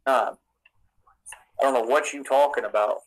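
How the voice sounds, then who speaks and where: A man's voice: mid-range voice, normal speed, rough recording. A man in played clips, ranting aggressively with profane, threatening, swaggering talk.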